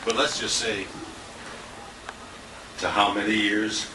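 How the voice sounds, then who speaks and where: A radio colleague gives a loose, informal tribute at an indoor restaurant dinner, telling meandering anecdotes and chuckling along the way. His voice sits on the low side, flat and slow. A handheld compact camera captures him from a distance, so the sound is roomy and noisy.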